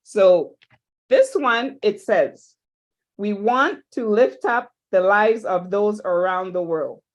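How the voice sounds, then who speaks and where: A woman from Trinidad and Tobago, hosting an online panel in a chatty, upbeat way with lively asides. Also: medium pitch, slow pace, muffled recording. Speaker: host.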